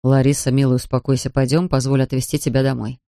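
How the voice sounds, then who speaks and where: A woman reading an audiobook, voicing an embarrassed man who speaks low and soothingly. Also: little pitch movement, fast talker, gravelly, warm tone, dry recording, studio quality, lightly acted. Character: embarrassed man calming his drunk date.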